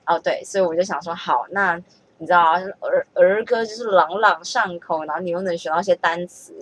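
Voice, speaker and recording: A woman's voice: lowish voice, slightly rough. A woman chatting casually as she thinks aloud, often correcting herself and laughing at her own mistakes. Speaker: vlogger learning French.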